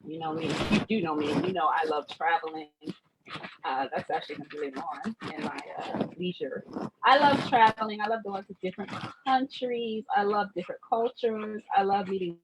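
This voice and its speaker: A woman's voice: mid-range voice, brisk. A woman who grew up in Germany as a military child, hosting a casual spiritual chat in an affirming manner and repeating phrases for emphasis. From grew up in Germany as an American military child. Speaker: host leading a vision board party. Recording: noisy background hiss.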